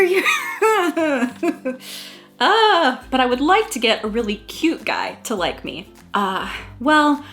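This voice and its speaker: A young woman in a casual, animated, self-mocking and giggly manner, chatting and reading aloud from an old diary. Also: mid-range voice. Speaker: vlogger.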